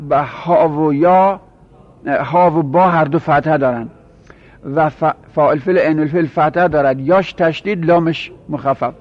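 Man teaching a grammar class, lo-fi. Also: on the high side. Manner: reads verse lines slowly, explains quickly, quizzes students. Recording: dull lo-fi recording.

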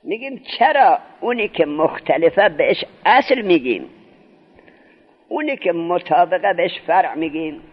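A man's voice: sits high, lively intonation, husky. A man teaching a grammar lesson, putting questions to his listeners and then answering them himself, drawing out key terms. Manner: drawn-out, stressed key terms. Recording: dull lo-fi recording.

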